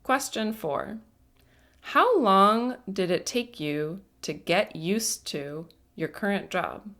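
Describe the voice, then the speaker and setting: Slow, patient woman teaching English grammar. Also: medium pitch, animated, fairly bright tone. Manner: patient, deliberate, stresses each word. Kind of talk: slow, careful grammar lesson.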